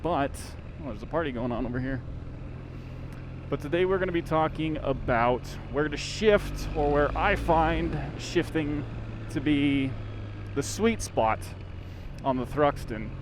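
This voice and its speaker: A man's voice: a little high, lively intonation, unhurried. A man talking casually from inside a motorcycle helmet as he rides, rambling informally and interrupting himself, with some mild swearing. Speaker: motorcycle vlogger. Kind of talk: casual rambling vlog while riding. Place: outdoors, riding a motorcycle in traffic. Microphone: microphone inside a helmet. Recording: road and engine noise, inside helmet.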